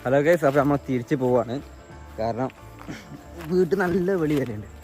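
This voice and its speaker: A man's voice: mid-range voice, animated, moderate pace, darkish tone, faint music behind. A young man with a Malabar Malayalam accent, chatting casually on an outdoor vlog and dropping English words into his Malayalam. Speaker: vlogger. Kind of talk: casual chat with a companion. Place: outdoors on a hilltop.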